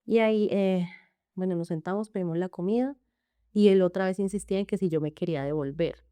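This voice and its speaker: A woman's voice: on the low side, a little fast, mellow, clear, resonant tone, no room sound, studio quality. A woman with a Colombian accent earnestly recounting her own story in an interview, speaking in long run-on sentences and often quoting what others said. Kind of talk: emotional personal testimony in an interview.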